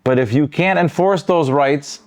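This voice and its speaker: A man from Detroit in the United States, with an American accent, hosts a podcast in a casual conversational discussion. His voice is fairly high-pitched, and he talks at a normal speed.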